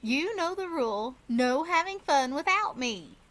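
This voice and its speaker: A woman's voice: high-pitched, lively intonation, measured pace. A woman voicing a young aunt who is fond but firm, in a storybook reading. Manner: gently stern.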